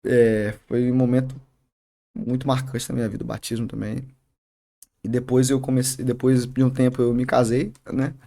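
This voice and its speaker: A man, a barber and youth leader, telling his faith story in a podcast interview, halting often and tagging sentences with "né?". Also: medium pitch, flat delivery, gravelly, mellow. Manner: halting, many restarts and "né?" tags. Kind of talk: emotional testimony in casual interview.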